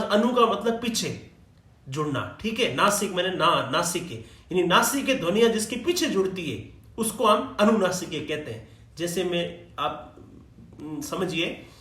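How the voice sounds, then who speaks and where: A man's voice: high voice, bright, forceful tone. Male hindi teacher, echoey and distant. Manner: explains patiently, repeats sounds, asks "right?" often. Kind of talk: classroom-style lecture.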